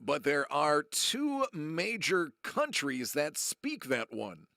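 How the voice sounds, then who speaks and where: A man's voice: on the high side, wildly swooping pitch, vocal fry, sharp tone, no echo, clean studio sound. A man hosting a live-streamed trivia game show, reading questions and chatting with viewers in the chat, stretching out his dramatic answer reveals. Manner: playful, drawn-out dramatic reveals.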